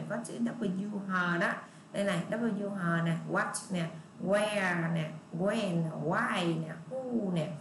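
A woman teacher with a Southern Vietnamese accent talks to young children in an online lesson, explaining English pronunciation and drawing out each model sentence so they can copy it. The room around her is echoey, with faint ambient noise behind her. Her pitch sits in an ordinary middle range. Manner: patient, repetitive, drawn-out model readings.

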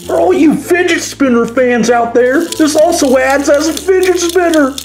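A man playing a hyper-excited young boy hosting a toy review show, gushing over every detail. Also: very high voice, normal speed, a little hiss or hum. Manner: gushing, shrieking enthusiasm. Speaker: kids channel host.

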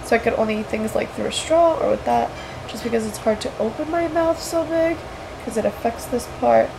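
Tired, gravelly young woman after nose surgery. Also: brisk, noisy background. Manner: tired, low-key, rambling. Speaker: vlogger recovering from nose surgery. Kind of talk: casual vlog update. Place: at home indoors.

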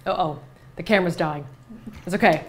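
A woman's voice: on the low side, brisk. A woman co-hosting a casual livestream from home, chatting wryly while taste-testing food. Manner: wry, chatty. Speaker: co-host.

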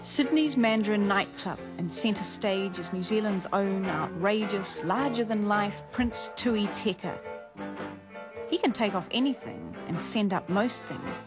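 A woman's voice: medium pitch, expressive, a little slow, over music. A woman reading formal narration for an older television documentary.

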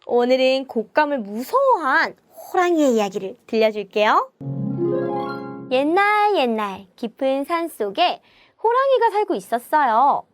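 A woman's voice: high voice, big pitch swings, unhurried, over music. A woman telling a folk tale to children in a sweet, sing-song manner, stopping to teach words. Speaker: children's storyteller and Chinese teacher. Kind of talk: storybook narration for children with vocabulary teaching.

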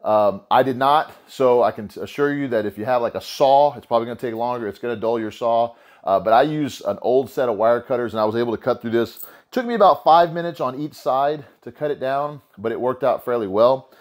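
A man's voice: medium pitch, brisk. A man in his thirties casually explaining a homemade cable pulley setup in his garage gym, talking loosely with lots of fillers and restarts, recorded by a camera a few steps away. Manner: loose, rambling, full of "uh" and restarts. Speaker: home gym lifter explaining a DIY build. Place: home garage gym, indoors.

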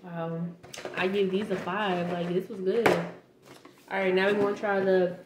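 Speaking at a measured pace in a steady, mid-range voice, this young woman vlog host chats to camera during a playful taste test, trading informal banter indoors at home. Her recording picks up room echo, faint background noise, and handling clicks.

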